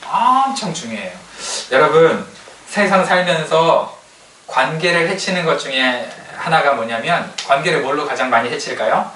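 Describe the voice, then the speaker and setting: A man preaching a sermon as a pastor, in a lively, colloquial way, sometimes acting out what people say. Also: on the high side, normal speed, a little hiss or hum. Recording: roomy hall sound, distant mic, faint ambience.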